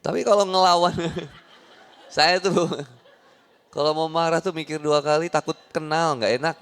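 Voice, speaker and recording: A man preaching with a Sundanese accent to a women's audience, lively and jokey, acting out little everyday scenes in different voices. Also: on the high side, moderate pace, smooth. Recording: long hall reverb.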